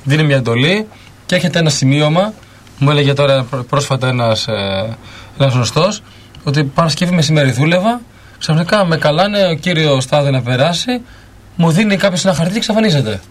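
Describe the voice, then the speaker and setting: A man on a radio discussion panel, talking in a chatty way with quick asides. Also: on the high side, expressive.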